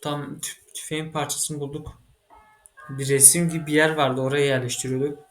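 Excitable man narrating his gameplay. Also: fairly high pitch, normal speed, soft background music. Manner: excitable, frustrated, swearing at the game. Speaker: gaming channel host. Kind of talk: let's-play commentary.

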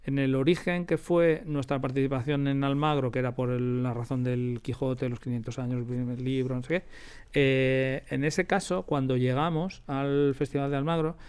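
A radio drama producer with a Castilian Spanish accent is an interview guest in a radio drama studio, explaining things and telling anecdotes. His medium-pitched voice is darkish and clean, with fairly even intonation at a normal pace. He speaks emphatically and repeats phrases for stress.

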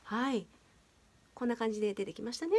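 A woman's voice: fairly high pitch, quick pace, darkish tone. A woman teaching English pronunciation in a casual video lesson, chatty and explaining step by step with many fillers.

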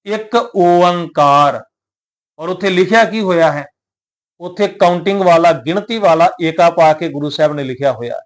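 A man giving a devotional lesson, explaining scripture pronunciation in a measured way and often asking the listeners questions. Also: fairly high pitch. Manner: addresses the congregation, poses rhetorical questions. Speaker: Gurbani pronunciation teacher. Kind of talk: devotional teaching talk.

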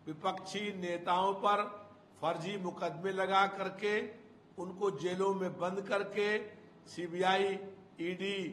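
Slow, emphatic older man with a high voice. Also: a bit bright. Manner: measured, emphatic, accusatory. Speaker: party spokesman. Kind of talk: political statement to press. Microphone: handheld press mic. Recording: echoey room with faint noise.

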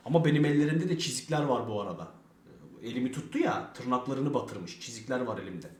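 A man's voice: medium pitch, expressive, reverberant. A young man telling a long story casually, swearing a lot and acting out the lines of the people in it. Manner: fast, rambling, swears a lot, acts out quoted dialogue.

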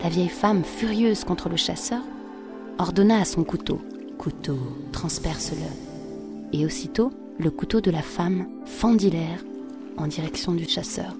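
Brief: female storyteller, lower voice, calm measured reading, soft music underneath. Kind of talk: scripted narration of a folk tale.

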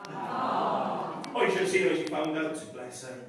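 A man performing a stand-up comedy set of deadpan one-liners and puns, chuckling at his own jokes in front of a live audience. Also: fairly high pitch, measured pace, crowd noise. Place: church hall with a live audience. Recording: echoey hall from far off, loud audience laughter. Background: audience laughing.

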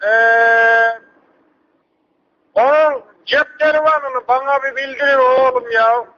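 With an exaggerated, extremely high voice that's bright and forceful, a man talks slowly in a steady tone. He portrays a rambling, insistent old village uncle who is hard of hearing, repeats himself, and keeps asking people to speak up on a prank phone call. The recording sounds dull and lo-fi.

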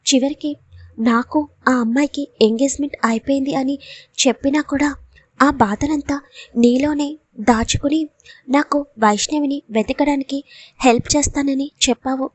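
A woman voicing a devoted young man who gently reassures the woman he loves, in a storybook reading. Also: high-pitched, fairly even intonation, moderate pace, no echo, close to an everyday voice. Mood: tender.

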